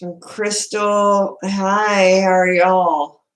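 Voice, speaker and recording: A woman's voice: medium pitch, flat delivery, drawn-out words. A woman with a Southern US accent chatting casually and folksily as the host of a home livestream. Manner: folksy, informal. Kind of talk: casual live-stream chat, greeting viewers. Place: indoor room at home. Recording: echoey room, laptop livestream.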